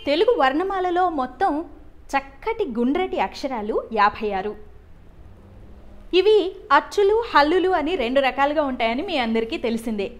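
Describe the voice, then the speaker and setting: Young woman, high voice, addresses a festival crowd like a teacher and has them repeat words. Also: big pitch swings, normal speed. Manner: warm teacherly, asks the audience to repeat words. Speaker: speaker addressing a Telugu cultural event. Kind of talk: prepared speech with sung song.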